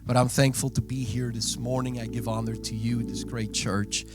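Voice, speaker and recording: A man's voice: medium pitch, little pitch movement, normal speed, music in the background. A man in his thirties from Belgium, a native Dutch speaker with a Belgian accent, preaching an earnest sermon as a guest pastor. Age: 30s. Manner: earnest preaching, warm asides to the congregation. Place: church sanctuary.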